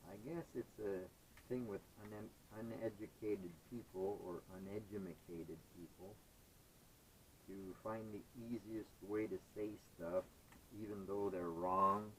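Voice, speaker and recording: A man's voice: on the low side, fairly even intonation, unhurried, a bit bright, a little hiss or hum, poor audio. A man, chatting casually and rambling with hesitant fillers while he sorts scrap metal. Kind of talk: casual chat while working.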